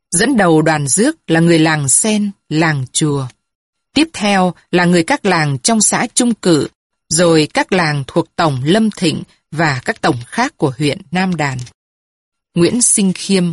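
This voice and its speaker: Brief: woman storyteller, low voice, very slow, even scripted reading. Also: dry recording, clean studio sound.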